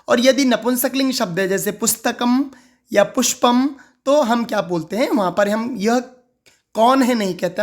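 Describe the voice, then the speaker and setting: A teacher explaining a grammar lesson, asking questions aloud and answering them, repeating each key word several times. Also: mid-range voice. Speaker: Sanskrit teacher.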